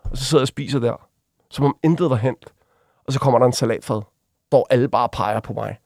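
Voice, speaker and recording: A man, a guest on an interview, telling a personal story casually, with halting restarts and vivid acted-out quotes. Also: mid-range voice, no room sound, clean studio sound. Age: adult. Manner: vivid, acts out quoted voices while retelling.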